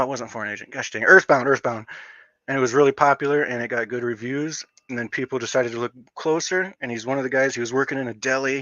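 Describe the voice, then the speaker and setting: Male streamer, chatty and rambling, gets excitable; dry, muffled home-stream sound. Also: medium pitch, no echo. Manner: rambling, excitable, heavy use of "like". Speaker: livestream host. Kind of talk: casual livestream chat. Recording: dull lo-fi dry stream audio.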